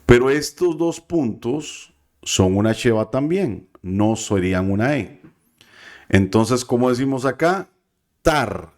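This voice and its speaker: A man's voice: medium pitch, animated, takes it slowly, darkish tone. A man teaching a biblical Hebrew class, patient and careful, often checking in with his students. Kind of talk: classroom lesson.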